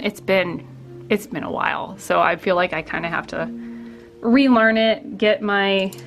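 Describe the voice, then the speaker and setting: A woman artist hosting a casual studio vlog, talking while she paints, rambling with lots of fillers and restarts. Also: mid-range voice. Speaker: artist and vlogger. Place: home art studio.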